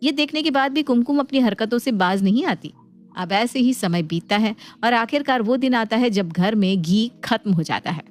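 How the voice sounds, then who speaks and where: A woman tells a cartoon moral story in an even, scripted manner. Her voice is high. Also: moderate pace, soft background music. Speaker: narrator and lead voice actor. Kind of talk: storybook narration.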